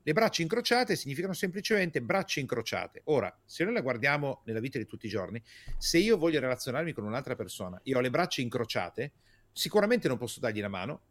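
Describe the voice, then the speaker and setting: A man coaching in a podcast conversation, emphatic and energetic, stressing key words by repeating them and asking rhetorical questions. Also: medium pitch, dry recording. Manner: gestures while speaking, energetic. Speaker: communication coach, podcast guest.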